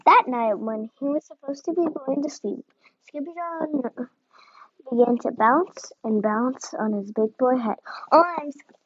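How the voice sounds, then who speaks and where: Slow, careful woman reading a storybook. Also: high-pitched, breathy edge, highs cut off. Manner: reads slowly, sounding out hard names. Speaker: storybook reader. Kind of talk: reading a picture book aloud.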